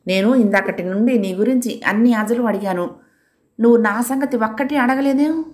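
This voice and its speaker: A woman's voice: a little high, normal speed, darkish tone, voice pushed up, close to an everyday voice. Woman voicing a reproachful grown woman. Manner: reproachful, teasing. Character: grown woman confiding in an old friend.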